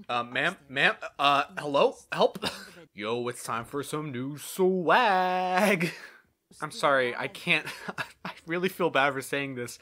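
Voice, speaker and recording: A man's voice: fairly high pitch, sharp tone. A man hosting a gameplay video with joking, sarcastic commentary, mock exasperation and exaggerated, overacted exclamations.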